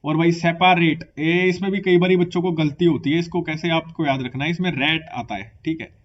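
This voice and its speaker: A man's voice: a little high, fairly even intonation, a little fast, muffled recording. A young man teaching exam vocabulary, explaining patiently in mixed with English terms and often checking in with "theek hai". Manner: explaining patiently, mixing English words into Hindi, repeating "ठीक है".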